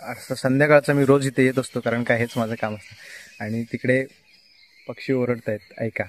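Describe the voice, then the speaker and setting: A man's voice: medium pitch, little pitch movement, moderate pace. Chatty man vlogging outdoors. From Konkan, India. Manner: chatty, explains the view, calls out to animals and kids. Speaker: village vlogger. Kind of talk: casual vlog talk to viewers. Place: outdoors on a village hilltop at evening. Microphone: phone camera held while filming.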